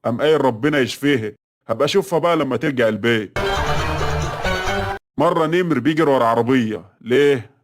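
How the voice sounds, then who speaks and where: A man with an Egyptian Arabic accent reading a string of short jokes in a brisk, flat scripted delivery. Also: medium pitch. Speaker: joke teller. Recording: voice-over with loud background music.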